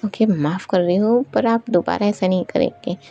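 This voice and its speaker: A woman's voice: medium pitch, normal speed, creaky, warm tone, lightly acted. A woman voicing a hurt younger sister who pleads and reproaches her elder sister. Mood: reproachful. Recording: dull recording, faint music behind.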